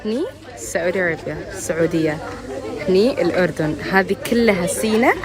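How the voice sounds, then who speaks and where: A woman's voice: on the low side, fairly quick. A woman with a Gulf Arabic accent chatting casually, repeating words and phrases for emphasis. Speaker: social media vlogger. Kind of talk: casual chat. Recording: music and busy background chatter.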